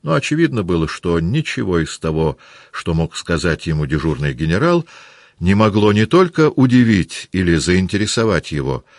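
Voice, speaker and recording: A man narrating a classic novel as an audiobook, with a measured, steady reading. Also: low voice, no echo, clean studio sound. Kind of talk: scripted narration.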